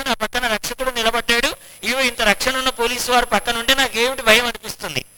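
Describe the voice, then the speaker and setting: High, bright-voiced man giving a devotional discourse. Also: clean tone, low-quality recording. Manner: expounding with stories and rhetorical questions. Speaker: spiritual speaker.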